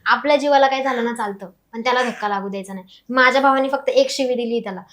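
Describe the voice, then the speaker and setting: Young woman, rapid emotional life story, somewhat high voice. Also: a bit bright. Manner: fast, emotional, acts out quoted family members. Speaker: guest telling her life story.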